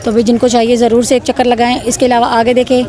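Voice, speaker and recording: A woman's voice: on the high side, level tone, fast talker, dark tone. A woman with a Pakistani accent hosting a market vlog outdoors, selling the goods to viewers in repetitive patter that urges them to come and buy. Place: outdoor street bazaar.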